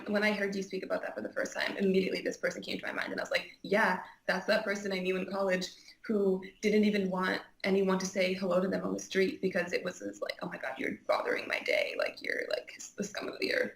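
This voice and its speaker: A woman's voice: mid-range voice, gravelly, roomy sound, slight background noise, poor audio. A young woman from Iceland, an interview guest telling her personal story candidly, chatty and full of "like" and "um". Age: young adult. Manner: chatty, heavy use of "like" and "um", frank.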